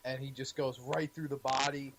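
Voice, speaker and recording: A man co-hosting a film podcast, eager and halting as he searches for words. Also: medium pitch, level tone, fairly bright tone, rough recording. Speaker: podcast co-host. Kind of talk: casual film chat.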